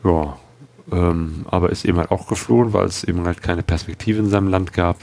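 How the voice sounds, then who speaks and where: A German motorcycle travel vlogger talks casually about his motorcycle trip, rambling with plenty of fillers and restarts. His voice sits low with a darkish tone and vocal fry, his pace is brisk, and there's no room sound.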